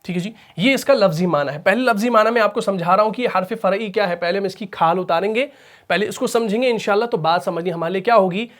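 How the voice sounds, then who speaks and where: A man teaching a recitation class, explaining patiently and slowly, asking questions and answering them himself. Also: sits high. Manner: patient, slow and deliberate explanation. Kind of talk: explanatory lesson.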